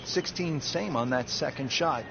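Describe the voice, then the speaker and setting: A man playing a composed TV golf commentator in a video game, calling play in a measured, polished announcer delivery. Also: a little high, gravelly, noisy background. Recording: dull game audio with music and crowd.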